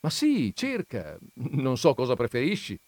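A man's voice: mid-range voice, wildly swooping pitch, unhurried, darkish tone, no echo, full character voice. A man reading as a generous wealthy lady friend. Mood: obliging.

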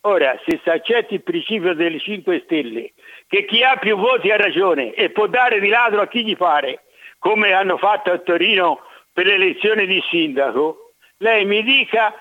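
High-voiced man arguing over a phone line. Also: animated, normal speed. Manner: heated, argumentative. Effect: over a landline phone. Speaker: radio call-in caller. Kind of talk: phone-in talk radio. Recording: narrow tinny phone line.

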